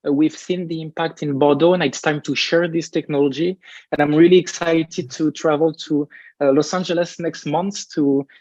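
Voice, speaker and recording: Higher-voiced man with a French accent, research presenter who stumbles over his words, dry muffled audio. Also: steady tone, normal speed, a little mellow, no room sound. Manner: hesitant, many repeated words and fillers. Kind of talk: conference presentation.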